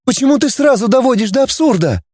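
A man voicing an earnest young woman who is quick to take offense, in a high, pleading, indignant tone. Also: animated, dark tone, slightly rough, no echo, studio quality, heavily acted.

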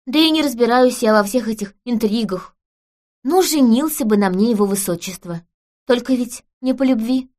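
Woman doing a young girl, higher voice, calm and serious, plain-spoken. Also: normal speed, natural voice. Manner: calm, matter-of-fact, serious. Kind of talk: audiobook character reading.

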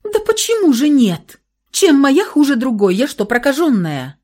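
A stubborn, frantic young woman, performed by a woman reader flares up in high, shrill bursts. Her voice leaps sharply up and down as she pleads and scolds in an audiobook. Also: very animated, moderate pace, mellow. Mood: desperate. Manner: shrill, outbursts of hysterics. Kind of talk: audiobook role reading.

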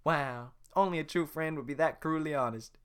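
A man voicing an excitable, chatty male talking donkey in a high, loud, over-eager voice. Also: normal speed, clean tone, natural voice. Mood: gushing.

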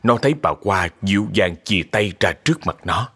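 A man narrating a scripted ghost story in a calm, expressive way. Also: fairly low pitch, fairly quick, husky.

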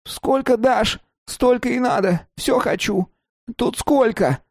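A man voicing a reckless young male addict, a cocky hustler with a high, brash voice. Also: takes it slowly, dry recording, studio quality, heavily acted. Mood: scheming.

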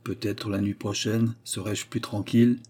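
A man voicing a feverish, restless young gentleman who talks in agitated, breathless bursts in an audiobook. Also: fairly low pitch, little pitch movement, moderate pace, husky. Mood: troubled. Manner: agitated, breathless, rambling speech. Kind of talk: audiobook character reading.

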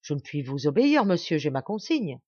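A woman's voice: low-pitched, big pitch swings, a little fast, darkish tone, breathy edge, no echo, lo-fi sound, full character voice. A woman voicing a blunt army sergeant who speaks brusquely and swears, in a dry home recording. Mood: firm.

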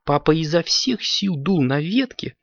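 Man reading a kids' story, super animated, gravelly, dry lo-fi sound. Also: fairly high pitch, unhurried, no echo. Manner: lively, expressive reading. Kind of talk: storybook narration for children. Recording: dull lo-fi dry recording.

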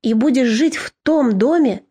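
A woman's voice: on the high side, expressive, unhurried, dark tone, breathy edge. A woman doing a fierce old grandmother. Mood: pleading.

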